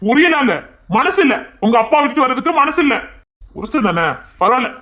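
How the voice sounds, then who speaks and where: A man's voice: very high voice, big pitch swings, a little fast, sharp tone, heavily acted. A man voicing a possessive, hot-tempered young husband in an audio drama. He talks in a stern, scolding way. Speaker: voice actor in an audio serial.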